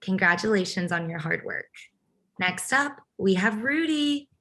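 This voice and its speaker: A woman's voice: mid-range voice, expressive, a little slow, a bit bright. A woman clinician giving a proud, affectionate tribute at a ceremony.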